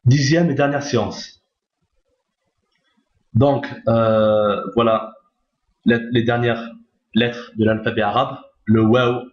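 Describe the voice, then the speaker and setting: A man teaching a recorded Arabic reading lesson, patiently repeating each point and checking understanding. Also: mid-range voice. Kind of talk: recorded lesson explaining on screen. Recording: roomy, dull lo-fi recording.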